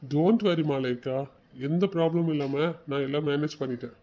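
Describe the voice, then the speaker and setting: A man's voice: fairly high pitch, normal speed, dark tone, natural voice. A man voicing a supportive adult friend in a cartoon, speaking in a reassuring way. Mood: cheerful. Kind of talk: cartoon voice acting.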